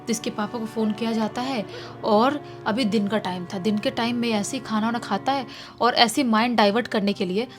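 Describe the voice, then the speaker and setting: Hushed, dramatic woman horror storyteller. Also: on the high side, normal speed, hardly any pauses, music in the background. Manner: dramatic, hushed at tense moments.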